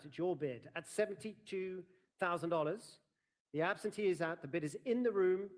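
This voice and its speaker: At a live sale, a man with a voice on the high side serves as auctioneer, announcing lots and calling out bids formally and courteously.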